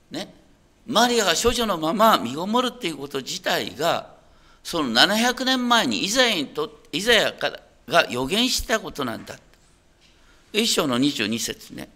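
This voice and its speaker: A man's voice: high voice, pushed and bright. A man preaching a sermon as a pastor. He talks in a conversational way, puts questions to the listeners and often checks that they are following.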